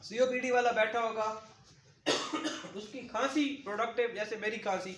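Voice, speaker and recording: A man's voice: very high-pitched, steady tone, fairly quick, fairly bright tone, roomy sound. Guy teaching paramedics, lists symptoms, gives patient examples, faint room hum behind. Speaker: medical lecturer. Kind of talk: classroom lecture for paramedics.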